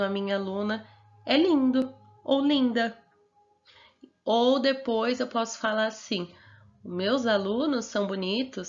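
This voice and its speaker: A woman teacher with a Brazilian Portuguese accent talks young children through a worksheet at a very unhurried pace. Her voice sits fairly high, and she patiently stretches each word into its syllables. The recording sounds dull and muffled.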